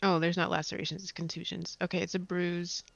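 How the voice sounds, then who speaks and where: A woman's voice: fairly low pitch, flat delivery, a little fast, creaky, lo-fi sound, slight background noise. A woman giving casual playthrough commentary, reading dialogue choices aloud and reacting in disbelief. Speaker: gaming streamer.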